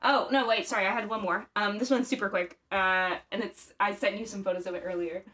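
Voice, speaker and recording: A woman's voice: fairly even intonation, brisk, fairly bright tone. A woman co-hosting a casual podcast, telling stories in a rambling way with many fillers. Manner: rambling, many fillers, bursts into high acted quotes. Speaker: podcast co-host. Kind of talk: casual chat, storytelling.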